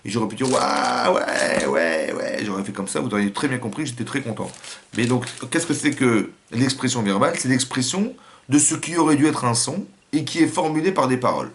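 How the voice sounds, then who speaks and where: A man's voice: mid-range voice, expressive, fast talker. A man with a French accent giving a religious lesson as a rabbi, acting out little scenes and quotes in changing voices.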